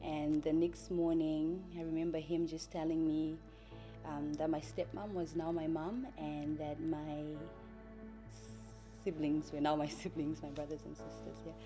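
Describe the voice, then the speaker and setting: With music playing behind her, a woman in her early thirties tells her life story as a church member, her testimony hesitant and reflective. She has a Zimbabwean accent and speaks Shona natively, and her voice sits low, unhurried, with a flat delivery.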